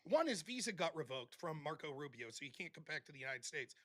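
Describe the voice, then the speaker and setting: A bright, high-pitched male co-host, lively and emphatic as he makes his points. His voice leaps around in pitch and has a sharp, forward edge. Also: quick pace. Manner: animated, emphatic. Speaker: stream co-host. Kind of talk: casual political commentary.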